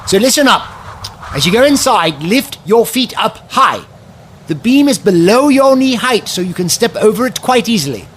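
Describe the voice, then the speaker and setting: A man's voice: high-pitched, very animated, normal speed, fairly bright tone, a little hiss or hum. A man acting in an audio drama as the Doctor, an eccentric, commanding, fatherly expert on aliens. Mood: instructive, urgent.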